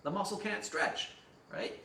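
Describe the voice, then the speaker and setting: A man's voice: measured pace, pushed and bright, reverberant, distant mic, a little hiss or hum. A man as fitness coach, leading a guided stretching class with jokes and countdowns. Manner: joking, upbeat instruction with counting. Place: fitness studio.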